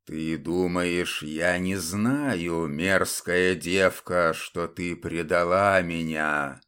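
A man doing a hoarse undead templar, slow and menacing. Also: sits low, fairly even intonation, fairly bright tone, pitched below the performer's own voice, heavily acted. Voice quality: hoarse, sepulchral. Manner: slow, menacing, drawn-out delivery. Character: undead male templar knight, grim, relentless fanatic. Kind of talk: audiobook character voice.

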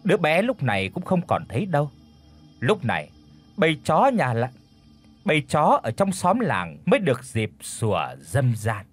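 A man's voice: fairly high pitch, huge pitch swings, normal speed, soft background music. A man narrating a ghost story with dramatic expression. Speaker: audiobook narrator.

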